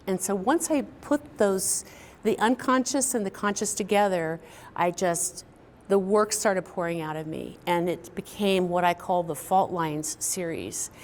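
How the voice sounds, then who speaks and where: Middle-aged woman, reflective conversational talk, pauses and fillers, faint background noise. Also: fairly low pitch. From Kansas, US Midwest. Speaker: quilt artist. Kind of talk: recorded artist talk. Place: indoor studio, quilt hanging behind her.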